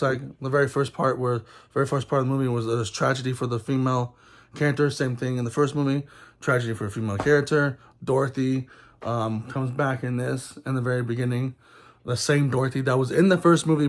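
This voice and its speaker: A man's voice: mid-range voice, darkish tone. A man from Texas giving a casual, rambling movie review for his channel, with lots of ums and restarts. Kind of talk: casual film review vlog.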